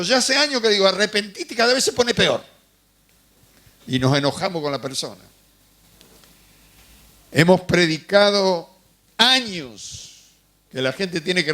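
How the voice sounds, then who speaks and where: A man's voice: high-pitched, sharp tone. A man preaching a sermon as pastor, telling stories and putting questions to the congregation. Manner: conversational storytelling with questions to the congregation.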